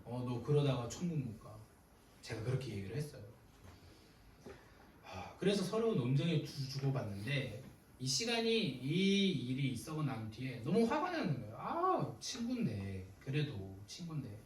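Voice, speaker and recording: Young man, youth pastor, sermon, conversational, animated pitch, roomy distant sound. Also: normal speed, slight background noise. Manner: conversational preaching, retelling arguments with quoted dialogue. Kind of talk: sermon to teenagers. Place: church sanctuary.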